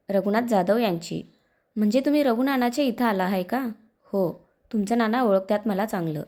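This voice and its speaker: A woman's voice: medium pitch, darkish tone. A woman reading a village story aloud, voicing every character herself in her own voice with dialect dialogue. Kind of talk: scripted story narration with dialogue.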